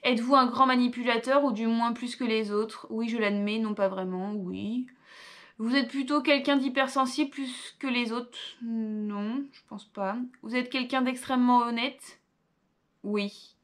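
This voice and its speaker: A woman's voice: on the high side, steady tone, a little slow, fairly bright tone. A young woman, reading quiz questions aloud and answering with offhand asides in a casual vlog. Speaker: vlogger.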